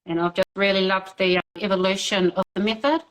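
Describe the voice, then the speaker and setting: Speaking briskly in a steady, medium-pitched voice, a New Zealand woman in her thirties chats as a video call interview guest with a Kiwi accent. She hesitates often, leans on fillers, and laughs readily. The recording quality is low.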